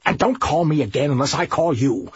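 A man's voice: a little high, breathy edge, dry recording, dull audio, voice pushed up. A man voicing a scheming, bossy middle-aged police sergeant who waves off every worry. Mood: impatient. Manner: brisk, bossy, dismissive.

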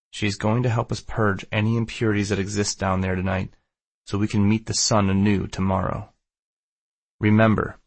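A man voicing a calm, solemn male shaman leading a ceremony, measured and instructive, in an audiobook. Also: lowish voice, vocal fry, slightly rough, no room sound. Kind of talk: audiobook character dialogue.

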